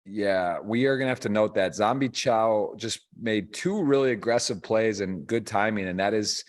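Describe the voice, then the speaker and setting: A man's voice: on the low side, moderate pace. A man giving conversational live poker tournament commentary as the host of a stream.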